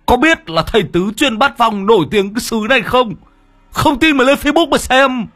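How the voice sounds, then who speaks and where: A man's voice: very high voice, lively intonation, moderate pace, fairly bright tone, faint music behind, pitched above the performer's own voice, exaggerated voice. A man voicing a boastful male sorcerer who talks with his mouth full. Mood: bragging. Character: boastful male ghost-catching sorcerer, chewing.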